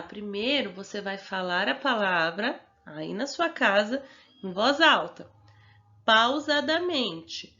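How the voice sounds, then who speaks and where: A woman's voice: mid-range voice, bright, forceful tone, muffled recording. A woman teacher with a Brazilian Portuguese accent, giving a recorded lesson to young children and patiently sounding out words syllable by syllable.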